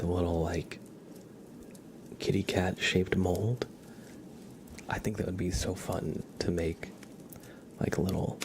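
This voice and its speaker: An ASMR livestream host with a low, creaky voice chats casually with viewers, his speech soft, breathy, and often whispered. He talks slowly and haltingly, rambling as he goes. Background noise is clearly audible.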